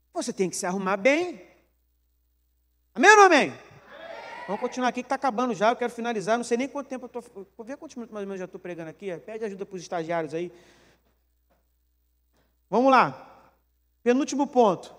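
A man with a Brazilian Portuguese accent, a pastor giving a joking, animated sermon full of questions to the congregation. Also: very high-pitched, in a large hall.

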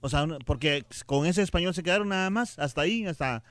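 A man's voice: fairly high pitch, fast, a bit bright, no echo. A man co-hosting a radio show, chatty and casual, often chiming in with agreement. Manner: chatty, with frequent agreeing interjections. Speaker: radio co-host. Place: radio studio.

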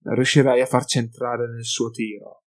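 A sly mutant pack leader, voiced by a man in an audiobook, suspicious and sneering. He taunts with loud, heavy emphasis, leaning hard on every accusation. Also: medium pitch, level tone, normal speed, natural voice. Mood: taunting.

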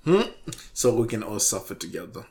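A man's voice: on the low side, big pitch swings, a little fast, creaky, a little mellow. A man co-hosting a podcast in casual chat, rambling with lots of fillers, on a new microphone. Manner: rambling, filler-heavy talk. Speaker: podcast co-host.

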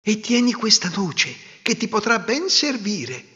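A woman's voice: mid-range voice, sing-song, measured pace, sharp tone, big-room sound, muffled recording, voice pushed up. A man voicing a kind old woman, the mother of the lightning, speaking in a wary, warning way.

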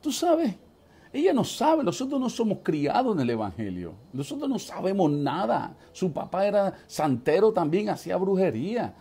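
Gravelly Puerto Rican pastor giving testimony. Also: male voice, high-pitched, big pitch swings, moderate pace, warm tone. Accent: Puerto Rican Spanish. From Puerto Rico. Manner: emotional storytelling, repeats "gloria a Jesús". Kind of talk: testimony sermon.

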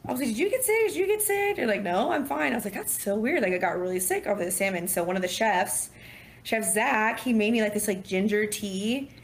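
A woman in her thirties, a podcast guest, telling a personal story in a lively way, acting out what people said and laughing often. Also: mid-range voice, a little fast. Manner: animated, acts out quotes, laughs often. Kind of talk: casual storytelling.

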